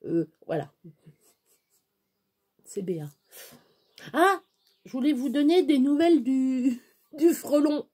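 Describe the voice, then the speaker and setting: A woman's voice: medium pitch, vocal fry, mellow. A middle-aged woman chatting to her viewers in a rambling, hesitant way, often restarting her sentences. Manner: chatty, hesitant, many restarts and fillers, baby talk to her dog. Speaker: vlogger. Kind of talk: rambling casual chat to camera.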